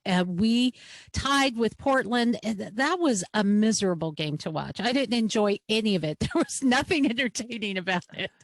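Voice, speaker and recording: A woman's voice: fairly high pitch, lively intonation, normal speed, no echo. A woman hosting a podcast, chatting casually and upbeat about sports with her guests. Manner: chatty and upbeat, laughs easily. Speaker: podcast host.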